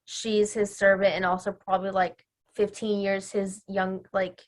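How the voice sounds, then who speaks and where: A woman's voice: medium pitch, little pitch movement, unhurried. A middle-aged woman chatting casually about a movie with her son, blunt and wry in her remarks. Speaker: podcast guest, host's mother.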